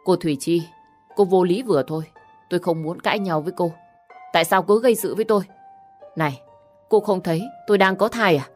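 A woman's voice: lowish voice, brisk, faint music behind, lightly acted. A woman voicing a pregnant young wife who pleads and defends herself in an audio story. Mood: pleading.

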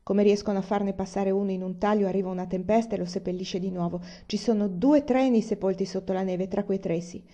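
Woman doing a steady, reassuring pioneer father. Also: mid-range voice, brisk, few pauses, lightly acted. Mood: grave. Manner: calm, reassuring.

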